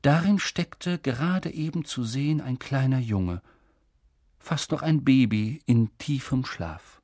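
A man narrating an audiobook in a calm, even storytelling manner. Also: medium pitch, takes it slowly, no room sound, studio quality. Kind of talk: scripted narration.

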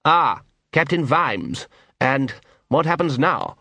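A man's voice: mid-range voice, sing-song, pushed and bright, breathy edge, no echo, heavily acted. A man voicing a cool, aloof city ruler. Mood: detached. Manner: measured, detached.

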